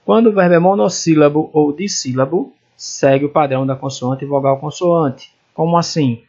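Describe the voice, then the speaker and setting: A male English teacher whose first language is Portuguese explains grammar rules step by step. His voice sits fairly high and has a husky edge. He spells the English examples out letter by letter, and the recording sounds dull and lo-fi. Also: normal speed, a little mellow. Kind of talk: grammar lesson walkthrough.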